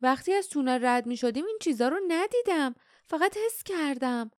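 A woman's voice: high-pitched, animated, dry recording, studio quality, voice pushed up. A woman doing a blunt, wary wild girl. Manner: blunt, quick.

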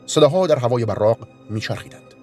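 A man reading a story aloud in a calm, measured way. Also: mid-range voice. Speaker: narrator. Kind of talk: audiobook narration. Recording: narration with faint music bed.

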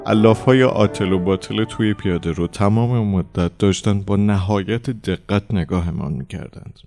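A man narrating a translated short story in an expressive, dramatic audiobook style. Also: lowish voice, faint music behind. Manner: expressive, shouting the quoted lines.

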